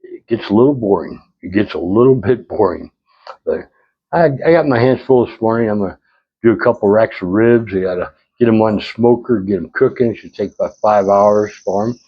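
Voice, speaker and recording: A man's voice: lowish voice, a little fast, husky, highs cut off. An older retired man vlogging in a casual, rambling way, telling folksy stories with chuckles and repeated phrases.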